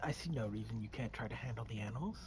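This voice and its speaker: A man's voice: lowish voice, very fast, background noise. A man playing in a tabletop game, chatty and helpful to the group. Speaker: player. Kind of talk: casual tabletop play.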